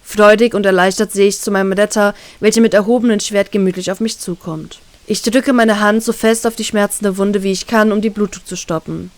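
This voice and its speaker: A woman narrating a first-person fan-fiction story in a calm, even storytelling way. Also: mid-range voice, brisk, few pauses, dry recording. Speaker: reader, narrator.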